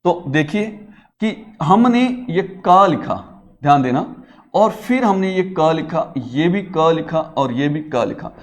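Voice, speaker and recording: Coaxing male teacher in a classroom. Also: fairly high pitch. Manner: coaxing, asks pupils questions and answers them himself; addresses pupils as beta. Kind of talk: classroom grammar lesson. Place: classroom with a digital board.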